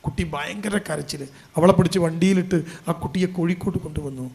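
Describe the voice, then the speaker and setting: A man's voice: a little high, fast, creaky, darkish tone. A man preaching a sermon as an Islamic preacher, telling a story with feeling and building to emphatic appeals.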